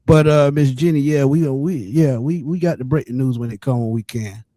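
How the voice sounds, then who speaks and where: A man hosting a sports show, explaining a team's roster in casual, measured talk. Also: mid-range voice, mellow, no room sound. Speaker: sports podcast host.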